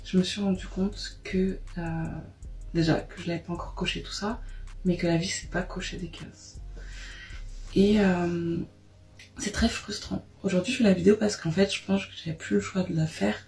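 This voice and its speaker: A woman's voice: lowish voice, fairly even intonation, moderate pace, gravelly, darkish tone. A woman around thirty speaking hesitantly to camera, with many fillers and open frustration. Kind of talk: personal confession to camera. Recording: roomy echo with faint music.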